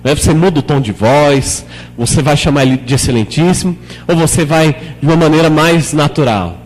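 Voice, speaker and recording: A man's voice: brisk, big-room sound, low-quality recording. A man preaching a sermon as a pastor, talking conversationally and often putting questions to the congregation. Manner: acts out prayers in a lower, softer voice. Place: church hall.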